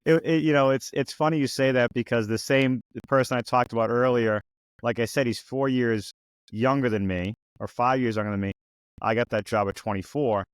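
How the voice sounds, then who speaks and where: A mid-range, smooth voice at normal speed, with no echo, belongs to a podcast host around fifty conducting an interview. He talks casually, wandering a little, restarting often and leaning on "you know."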